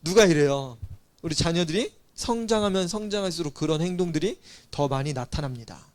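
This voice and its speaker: High-voiced chatty male pastor. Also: animated, a little fast. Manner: asks the listeners questions and calls on children by name; chatty, teasing. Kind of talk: casual sermon to a church congregation.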